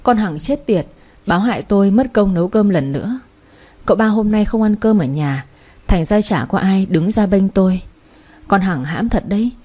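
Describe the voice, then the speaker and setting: Female storyteller, first-person narration, warm and mellow, steady delivery. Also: mid-range voice, normal speed.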